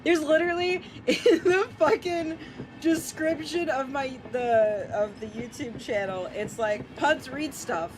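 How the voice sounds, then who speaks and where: A woman from Portland in the United States, with an American accent, speaks in a high voice at a measured pace. During a live game stream, she reads a visual novel aloud and comments casually, swearing and tripping over words. The background is clearly noisy.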